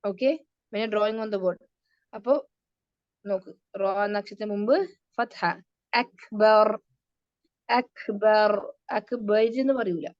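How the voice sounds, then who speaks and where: A woman teaching children Quran recitation, patient and slow, mixing English into her talk. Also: medium pitch, dry recording. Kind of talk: online class teaching kids. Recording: dry, dull lo-fi sound.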